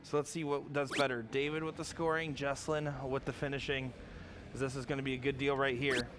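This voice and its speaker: A man's voice: medium pitch, little pitch movement, brisk, background noise. A man doing live darts commentary, upbeat and chatty, explaining the play to viewers. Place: tournament hall.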